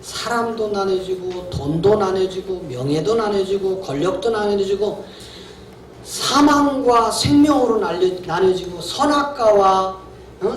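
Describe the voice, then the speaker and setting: Heard from a distance in an echoing seminar hall, a man with a high-sitting voice preaches a sermon as a pastor, with slight background noise. He's colloquial and forceful, regularly asking his listeners rhetorical questions.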